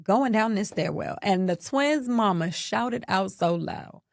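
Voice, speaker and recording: A woman, hosting a personal storytelling podcast and talking straight to her listeners in an animated, sassy way. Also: medium pitch, a little slow, vocal fry, no echo, studio quality. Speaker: podcast host.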